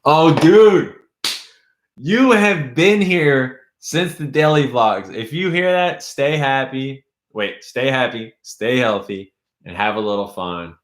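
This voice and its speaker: This young man's mid-range voice is expressive and unhurried, with a roomy sound. Hosting a casual YouTube live stream, he rambles loosely and reads chat comments aloud, mentioning that his voice is going as it fades on him.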